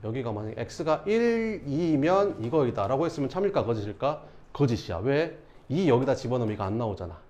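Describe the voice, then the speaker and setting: A male math teacher giving a casual classroom lecture, often pausing to check that students follow. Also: medium pitch, animated, darkish tone.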